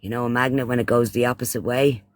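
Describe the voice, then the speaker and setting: An Irish man hosts a casual livestream chat in his Irish accent, often repeating phrases and calling people by pet names. His mid-range voice moves quickly with fairly even intonation. There's no echo.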